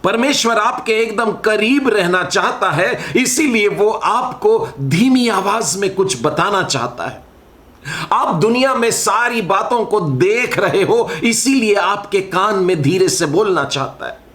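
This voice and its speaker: A man delivering a sermon at an unhurried, measured pace. His voice sits fairly high for a man, and he poses rhetorical questions to his listeners. He often lets phrases fall away into a hushed tone. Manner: slow, deliberate preaching with rhetorical questions. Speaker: preacher.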